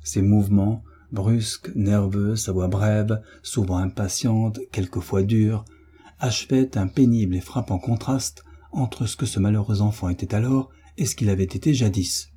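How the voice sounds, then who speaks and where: A man narrating a classic novel as an audiobook, in a measured, even manner. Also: on the low side, husky.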